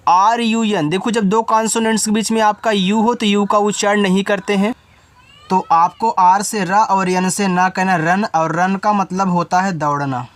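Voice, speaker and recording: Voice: medium pitch, steady tone, normal speed. Teacher patiently spelling out English words. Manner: spells words letter by letter, then explains meaning; talks directly to the learner, informal. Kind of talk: step-by-step spelling lesson.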